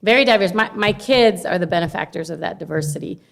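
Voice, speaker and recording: A middle-aged woman from Honduras, a guest telling stories in a casual interview, lively and quick to laugh. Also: fairly low pitch, gravelly. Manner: lively storyteller, laughs often. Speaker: guest, longshore worker and former teacher.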